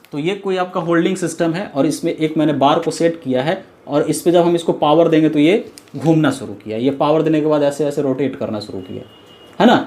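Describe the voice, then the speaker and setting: A man's voice: on the high side, darkish tone. A man teaching an engineering class, explaining step by step, asking questions and answering them himself. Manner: explains step by step, repeats key terms, asks and answers his own questions; mixes English technical phrases into his talk. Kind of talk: classroom lecture.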